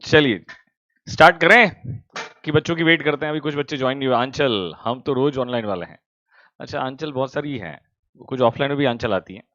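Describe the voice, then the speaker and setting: A male commerce teacher, at home, in casual chat with students before an online class, teasing them warmly. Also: medium pitch, fairly quick, no room sound. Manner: teasing, affectionate, calls students beta. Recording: dull, dry lo-fi sound.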